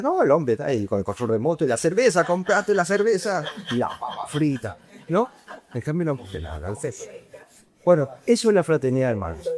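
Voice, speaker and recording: A man's voice: medium pitch, darkish tone. A man, a priest giving an informal retreat talk in a conversational way that often ends on a questioning tag. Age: 50s.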